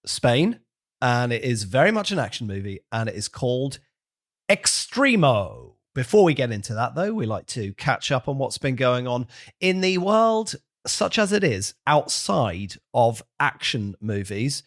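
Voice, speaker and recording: A man's voice: mid-range voice, very animated, measured pace, fairly bright tone. A man hosting a podcast in casual comedic chat, with a jokey, wry manner. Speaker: podcast host.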